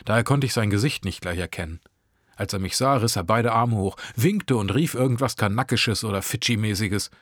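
A man's voice: on the low side, fairly quick, dry recording, clean studio sound. A man reading a short story aloud, narrating in a sardonic, crude first-person voice.

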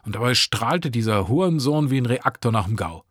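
A man's voice: mid-range voice, animated, brisk, slightly rough, dry recording, studio quality. A man reading a short story aloud, narrating in a sardonic, crude first-person voice.

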